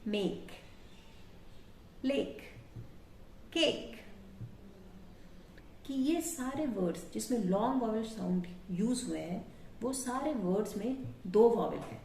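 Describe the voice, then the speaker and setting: A woman's voice: a little high, animated, moderate pace, gravelly, dark tone, recorded from a distance, a little hiss or hum. A woman teaching phonics, repeating vowel sounds and spelling words letter by letter. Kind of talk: slow explanatory phonics lesson. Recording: echoey room, voice away from mic.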